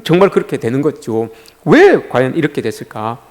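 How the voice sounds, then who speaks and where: A man's voice: medium pitch, very animated, moderate pace, a little mellow. A male pastor preaching a sermon emphatically, often turning to address his congregation directly.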